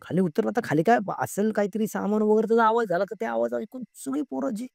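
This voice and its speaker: Man in his thirties, fairly high voice, mellow tone, chatty storytelling, acts out friends' voices, dry close sound. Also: quick pace, creaky, dry recording. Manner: often drops to a hushed, low voice. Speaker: guest telling his own ghost experience. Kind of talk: casual spoken storytelling.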